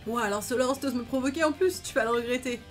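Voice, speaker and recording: A woman's voice: medium pitch, quick pace, faint music behind, natural voice. A woman voicing a cocky young female gang grunt in a game, with a bratty, mocking put-on accent. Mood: taunting.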